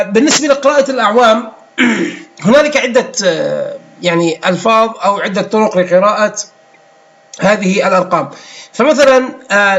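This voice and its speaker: High-voiced man teaching English. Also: fairly bright tone, muffled recording. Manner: explains in Arabic and English, pausing with many fillers. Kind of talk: screen-recorded English lesson.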